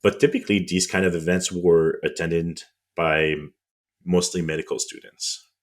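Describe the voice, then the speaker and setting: A man's voice: sits low, flat delivery, moderate pace. A man with a French accent, co-hosting a podcast and telling history in a conversational way with wry, indignant asides. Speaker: podcast co-host.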